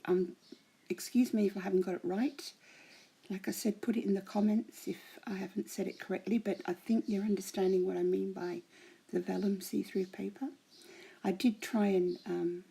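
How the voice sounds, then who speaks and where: Tired, croaky middle-aged woman crafter, rambling and often slipping into whispers; husky, very dark tone. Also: mid-range voice. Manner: chatty, rambling, many ums, drifting into whispers. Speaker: crafting vlogger. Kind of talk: casual show-and-tell vlog.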